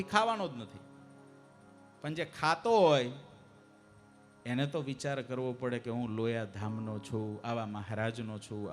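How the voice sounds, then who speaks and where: A man preaching a devotional sermon to a live assembly, asking the audience questions and urging them to answer louder. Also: fairly high pitch. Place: temple assembly hall.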